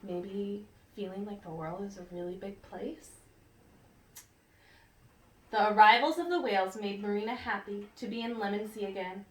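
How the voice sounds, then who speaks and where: This is a picture book read-aloud for children by a woman whose voice sits on the higher side. She's expressive and teacherly, pausing to ask her little listeners questions and clarify points. The room echoes, the mic sits at a distance, and a faint noise is audible.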